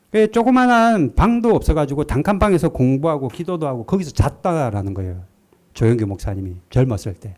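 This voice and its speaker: A male pastor preaching a sermon, telling a story with lively delivery and acting out the quotes. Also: a little high. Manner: animated storytelling, acts out quotes.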